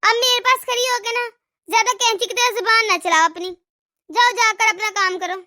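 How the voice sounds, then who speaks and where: A woman's voice: very high-pitched, fairly even intonation, moderate pace, sharp tone. A woman voicing a bossy, vengeful old mother-in-law in a cartoon who groans and scolds. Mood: threatening.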